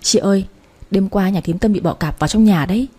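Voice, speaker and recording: A woman's voice: medium pitch, brisk, dark tone, husky, natural voice. A woman reading the part of an anxious, flustered sister-in-law in a spoken story.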